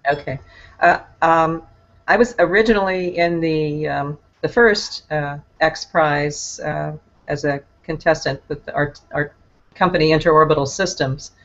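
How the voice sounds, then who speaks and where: A middle-aged woman speaking as a guest on a video call, halting and full of fillers. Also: sits low, fairly even intonation, gravelly, dull audio.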